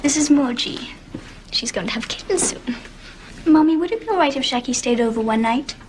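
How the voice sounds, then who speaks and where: A woman's voice: high-pitched, lively intonation, fast talker, background noise. A young woman playing a chatty, confident twelve-year-old schoolgirl in a film drama, eager and playful. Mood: playful, confiding. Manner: eager, talkative. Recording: film soundtrack with loud music.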